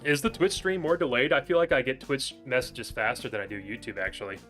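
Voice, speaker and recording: A man's voice: medium pitch, fast, soft background music. A man streaming a game live, chatting casually with his viewers through a headset mic. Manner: relaxed, talks to viewers by name. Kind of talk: casual livestream gameplay chat.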